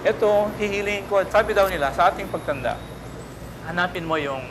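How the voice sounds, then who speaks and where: A man, a priest giving a casual spiritual talk, gentle and teaching, often checking in with his listener. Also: high-pitched, brisk, background noise.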